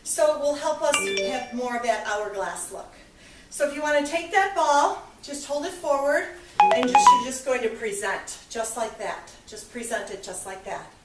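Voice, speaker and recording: A woman's voice: high voice, moderate pace, over music. A woman fitness instructor leading a workout, upbeat and encouraging as she counts reps, a little out of breath. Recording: echoey room, voice from a distance.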